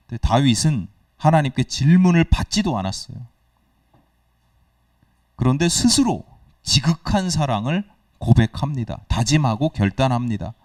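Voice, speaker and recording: This sermon comes from a male pastor whose mid-range voice has a darkish tone. He explains by asking the congregation questions and acting out quoted dialogue in a church sanctuary. The sound is dry, with no room ambience, and the mic is distant.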